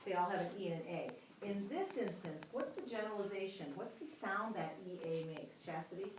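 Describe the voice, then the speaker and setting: A woman's voice: mid-range voice, brisk. A woman teacher leading a phonics lesson with children, patiently prompting and asking questions. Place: classroom. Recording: roomy classroom audio, mic far off with steady noise.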